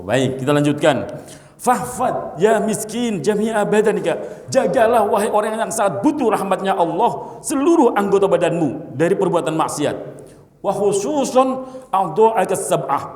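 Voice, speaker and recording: A man's voice: high-pitched, a little mellow. Man preaching in an echoey hall. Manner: teasing asides to listeners; reads Arabic text, then explains it. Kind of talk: sermon. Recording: echoey hall with long reverb.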